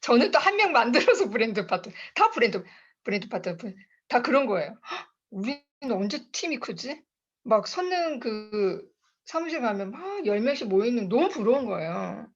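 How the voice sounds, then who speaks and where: A chatty woman gives a motivational talk, her fairly high voice rising and falling in lively swoops as she tells her own story. She laughs often and keeps turning to her listeners. The sound comes through dull, lo-fi online-meeting audio. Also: a little fast, husky. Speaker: guest speaker at a sales team meeting. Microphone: online video call.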